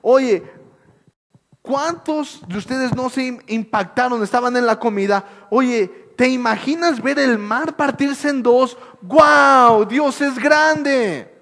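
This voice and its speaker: Animated high-voiced preacher. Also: male voice, unhurried. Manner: animated, swings from soft to shouting. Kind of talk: sermon. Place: church hall. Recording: echoey church hall with long reverb.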